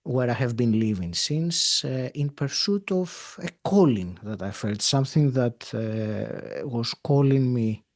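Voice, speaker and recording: A Greek man in his fifties with a Greek accent answers a podcast interviewer in English, his second language, as a guest in an interview conversation. He's thoughtful, using many pauses and fillers, and his mid-range voice is animated.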